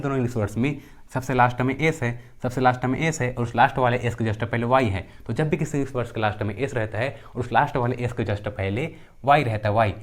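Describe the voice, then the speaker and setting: Man drilling pronunciation rules. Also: medium pitch. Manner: repeats rules and example words slowly, asks and answers his own questions. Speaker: English teacher. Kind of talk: pronunciation lesson.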